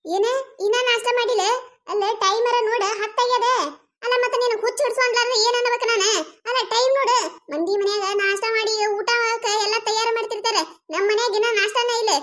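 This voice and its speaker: A woman voicing a sly, whining elderly mother-in-law in a cartoon comedy, with a North Karnataka Kannada accent and a squeaky cartoon voice. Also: fairly even intonation, fairly quick, a bit bright. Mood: nagging. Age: older.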